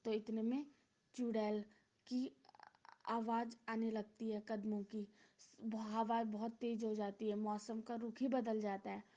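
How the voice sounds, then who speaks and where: A woman tells a story in a loose, informal way, repeating herself and filling her pauses. Her voice is mellow and sits a little high. The recording sounds dull and lo-fi. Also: level tone. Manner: informal, repetitive narration with many fillers. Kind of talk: casual spoken storytelling.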